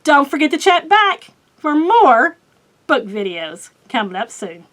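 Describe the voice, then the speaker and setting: A woman's voice: high-pitched, big pitch swings, a little slow, a bit bright. A middle-aged woman with an Oklahoma accent chatting casually about books on her channel, rambling with plenty of fillers and laughing at herself. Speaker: book vlogger. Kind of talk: casual chat.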